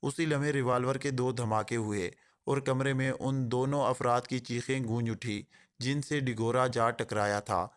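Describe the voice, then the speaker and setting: Man, audiobook narrator, steady reading, middle pitch. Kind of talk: scripted narration of a spy novel.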